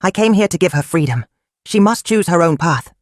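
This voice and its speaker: A storyteller voicing a calm, honorable wealthy young man in a folktale, speaking plainly and evenly. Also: mid-range voice, no echo, studio quality, natural voice. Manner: calm, plain, measured speech. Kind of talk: storybook narration.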